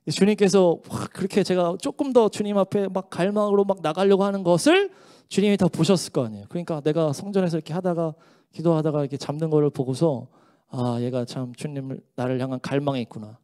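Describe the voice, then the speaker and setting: A man's voice: a little high, vocal fry, a little mellow. A man pastor giving an earnest, emotional testimony during a church service. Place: church sanctuary during worship.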